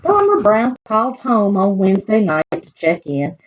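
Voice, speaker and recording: Her mid-range voice swings hugely in pitch as she reads at a moderate pace, with the highs cut off in the recording. A library storyteller with a Southern US accent, she shares a picture book with young listeners, chatting folksily and asking them questions.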